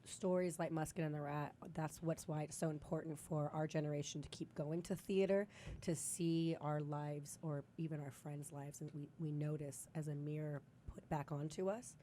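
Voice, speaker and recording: Woman co-host, very low voice, loose casual talk, faint noise behind. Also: steady tone, normal speed, few pauses, mellow. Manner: conversational, loose, full of fillers.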